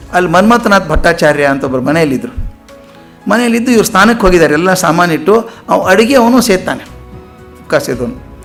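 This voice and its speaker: Motivational speaker: man, raspy and fairly high, lively storyteller, soft music behind. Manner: lively storyteller acting out quoted voices. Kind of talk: storytelling lecture.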